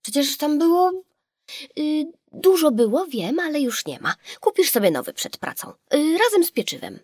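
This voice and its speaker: A woman's voice: high voice, very animated, moderate pace, a little mellow, no echo, clean studio sound, voice pushed up. A woman reading an audiobook voices a sleepy mother who answers in an offhand, matter-of-fact way.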